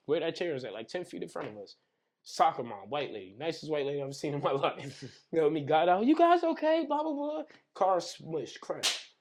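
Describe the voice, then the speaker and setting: A young man, a podcast guest, talking casually over drinks and telling vivid stories full of slang and sound effects. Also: on the high side. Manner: animated storyteller, heavy slang, acts out scenes with sound effects.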